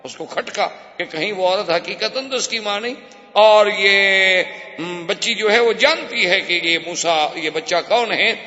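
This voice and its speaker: Strong emphasis and shifting pitch mark this male preacher's animated, story-driven sermon. His voice bounces around an echoey hall, captured in dull lo-fi quality.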